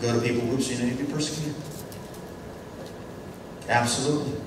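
A man with a mid-range voice and fairly even intonation lectures on church mission, asking the class questions and taking their short answers. He tells stories, performing characters in quick voices. The recording has a very echoey room, distant mic and faint noise.

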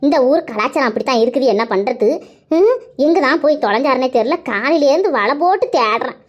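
Woman as a grumbling, defensive cartoon wife, brisk, dull lo-fi audio. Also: high voice, a little mellow. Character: grumbling wife hunting for her lost husband. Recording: dull lo-fi sound.

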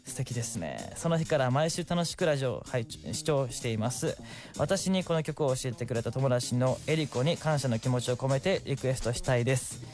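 A man's voice: mid-range voice, darkish tone. A young man, hosting a radio show in a studio, reading listener letters and answering them in a friendly, chatty way. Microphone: studio microphone.

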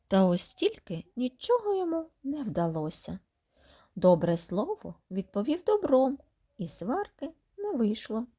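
A woman narrates a bedtime fairy tale in a gentle storyteller's voice. Her intonation is lively and rises and falls a lot. She often turns to speak straight to the child listening. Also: medium pitch, breathy edge. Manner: gentle, addressing a child directly.

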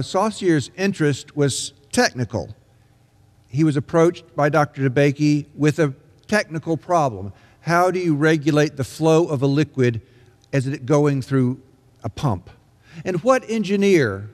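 Older male pastor preaching in a reverberant sanctuary. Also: on the high side. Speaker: interim pastor. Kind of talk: sermon. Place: large church sanctuary, indoors. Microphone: pulpit microphone. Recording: long reverb of a large sanctuary.

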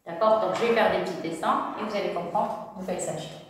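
A woman's voice: on the low side, fairly quick, far from the mic. A woman teaches maths at a board, repeating her key terms and checking that the class follows. Her voice sits back from the mic in a very echoey room with a long reverb tail, with faint noise underneath. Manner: explains step by step, repeats words, often checks with "d'accord?". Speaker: math teacher. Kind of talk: classroom lesson at a whiteboard.

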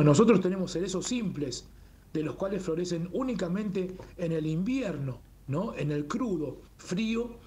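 A Rioplatense man speaks as a guest on a radio interview, his voice sitting a little high. He talks with open enthusiasm and keeps checking in with a rhetorical "¿no?" at the end of his sentences. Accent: Rioplatense Spanish. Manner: warm, enthusiastic, fond of rhetorical "¿no?". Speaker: guest, communications manager of a Japanese garden.

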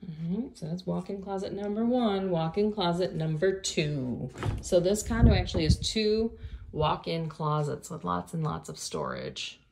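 A woman realtor from Florida shows off an empty condo in a relaxed walkthrough, upbeat and sprinkled with fillers, recording on a phone as she moves room to room. She speaks unhurriedly in a fairly low, creaky voice with big pitch swings, against echoey rooms and background noise.

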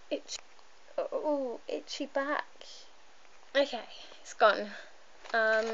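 A woman vlogging into her phone camera, rambling and giggling self-consciously as she keeps getting sidetracked. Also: on the high side. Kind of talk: rambling casual vlog. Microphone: phone camera filming close up. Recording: dull lo-fi phone recording.

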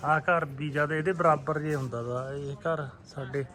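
A man with a Puadhi Punjabi accent gives relaxed, reminiscing narration as he walks and films outdoors in a village on a handheld phone. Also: a little high, normal speed. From Punjab, India. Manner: reminiscing, relaxed, loosely strung phrases. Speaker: vlogger. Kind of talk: casual walking vlog narration. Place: outdoors in a village, on rooftops and lanes.

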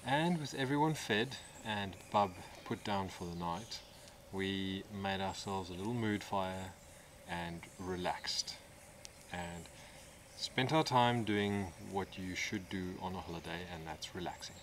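Here an Australian camping vlogger in his thirties talks at a measured pace in a voice that sits low. Recorded outdoors at a bush campsite, the narration is relaxed and casual, with frequent fillers, while insects and crickets buzz in the background.

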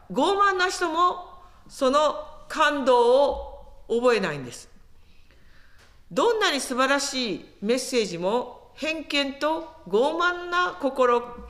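A woman preaching a sermon in an animated storytelling manner, acting out quotes as she goes. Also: sits high. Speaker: pastor.

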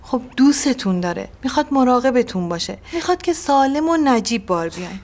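An actress playing a middle-aged mother, soft and affectionate but reproachful toward her son. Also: fairly high pitch, animated. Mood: tender. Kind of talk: TV drama acting.

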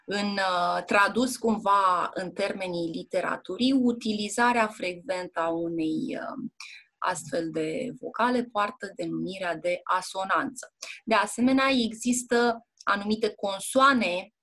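A Romanian language and literature teacher tutors a single student for an exam in an indoor classroom or tutoring room. Her mid-range voice is fairly bright, and she explains patiently, checks in often, and uses hesitant fillers.

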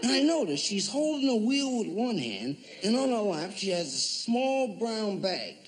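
A man's voice: high voice, moderate pace, poor audio. A male comedian telling a long story on stage and acting out every character in it. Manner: animated, acts out every character. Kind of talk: stand-up storytelling. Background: studio audience laughter.

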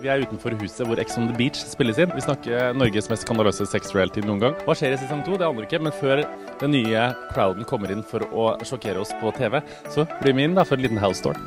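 A man's voice: mid-range voice, loud music behind the voice. A young man hosting an entertainment show, giving a playful, mocking tour of a villa with theatrical asides while walking around and talking into a handheld mic. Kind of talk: comic house tour and studio chat.

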